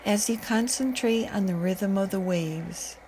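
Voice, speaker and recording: A woman guiding a meditation, speaking in a calm, soothing way with long pauses. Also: mid-range voice, a little hiss or hum, low-quality recording. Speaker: meditation guide. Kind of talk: guided meditation narration.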